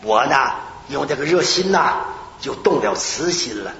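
An older man preaching a sermon, telling personal stories with lively shouts, prayers and laughter. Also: mid-range voice, normal speed. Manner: animated storytelling, acting out shouts and prayers, laughing. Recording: echoey hall, dull lo-fi sound, faint hiss.

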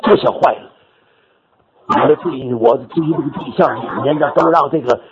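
An older man preacher telling a story in his sermon, animated and repetitive, rising to sudden high exclamations. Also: a little fast, over a noisy crowd. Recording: dull lo-fi recording with audience noise.

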